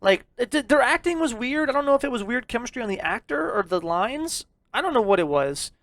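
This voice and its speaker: An excitable podcast co-host rambles through casual chat, swearing freely at a slightly fast pace. His middle-pitched voice sounds close and dry, with no surrounding room sound.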